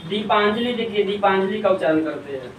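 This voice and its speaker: A male teacher in a classroom who asks questions, has the class repeat after him, and spells words out slowly sound by sound. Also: sits high, lively intonation. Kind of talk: classroom pronunciation drill. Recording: roomy, distant mic, faint hum.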